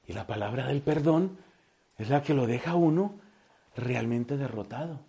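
A man from Colombia preaching a sermon in an animated, folksy way, repeating key phrases and slipping in humor. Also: medium pitch, moderate pace.

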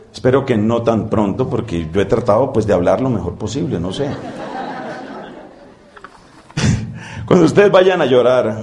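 A man, a priest giving a conversational sermon that mixes scripture and gentle humor. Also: medium pitch, reverberant. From Colombia. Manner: conversational preaching with quoted prayers and humor.

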